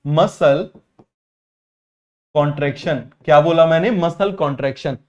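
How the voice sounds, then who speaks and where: High-voiced teacher, quizzing. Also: male voice, unhurried, darkish tone, dull audio. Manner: keeps asking students if it is clear. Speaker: biology teacher. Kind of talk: online exam-prep class.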